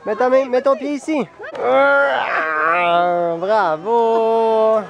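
A woman's voice: fairly high pitch, drawn-out words, dull audio, very noisy. A woman with a Quebec French accent filming a family zoo outing, cooing and narrating to her young children. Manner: cooing, sing-song talk to toddlers. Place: outdoors at a busy zoo. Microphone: handheld camera. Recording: loud crowd chatter outdoors.

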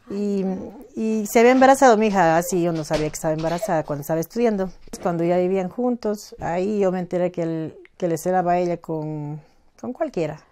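A middle-aged woman with a southern Andean Ecuadorian accent, giving personal testimony as a victim's mother, halting and emotional, full of reported speech. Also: lowish voice, dark tone. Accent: southern Andean Ecuadorian Spanish, Azuay.

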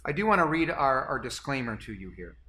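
A man's voice: mid-range voice, big pitch swings, brisk, sharp tone, a little hiss or hum. A man in his forties, a pastor, seated in a small room making an earnest church announcement to camera, with frequent restarts and repeated words.

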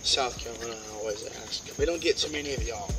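A man's voice: mid-range voice, quick pace, noisy background. A man guiding a tour group outdoors and into a cave, telling playful stories, heard from a visitor's camera a few meters away. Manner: upbeat, playful storyteller addressing a group. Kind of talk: joking guided tour talk. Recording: background music under the voice.

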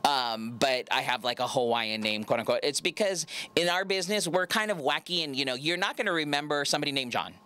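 A man's voice: on the high side, fairly quick, hardly any pauses, sharp tone, clean tone. A man from the Philippines, a radio DJ, chatting casually in an interview with easygoing jokes and frequent hesitations.

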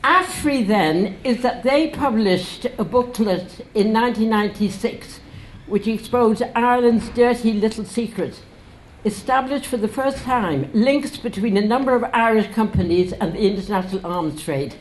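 At her book launch in a bookshop, an older woman with a slightly high voice chats wryly at normal speed, laughing between passages she reads to a standing crowd. She speaks into a stand mic at a lectern, and the rough recording carries slight background noise.

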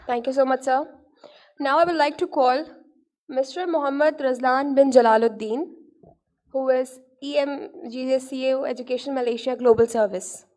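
Female emcee, high voice, polite and brisk introductions in a hall. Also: fairly even intonation, a little mellow. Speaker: event emcee. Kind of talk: formal announcing. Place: hall with audience, at a podium. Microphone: podium microphone.

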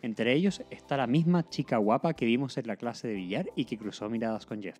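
Male co-host, mid-pitched, steady recap narration. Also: fairly quick, faint music behind. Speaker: podcast co-host. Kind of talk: casual episode recap.

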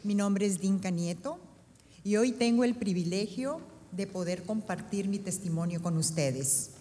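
This is a middle-aged Peruvian woman reading her personal testimony with earnest feeling, her Peruvian Spanish accent clear, at a stand mic on a church stage before listeners. Her voice is mid-range and warm at a moderate pace; the large hall's long reverb and a slight hiss or hum come through.

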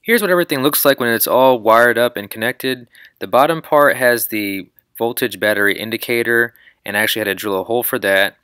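Bright, crisp-voiced man explaining a DIY build. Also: medium pitch, brisk, hardly any pauses, no echo, studio quality. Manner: upbeat, step-by-step explaining. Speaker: channel host. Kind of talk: DIY how-to walkthrough.

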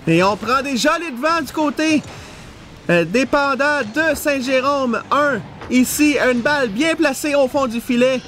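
A man with a Quebec French accent and a strikingly high voice gives match analysis as a co-commentator. His phrasing is hesitant and pieced together. There is faint game noise in the background. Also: measured pace, a bit bright.

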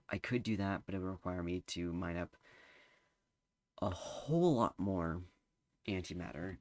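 A teenage boy giving casual gameplay commentary, rambling and hesitant with lots of fillers. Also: low-pitched. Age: teens. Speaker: gameplay streamer.

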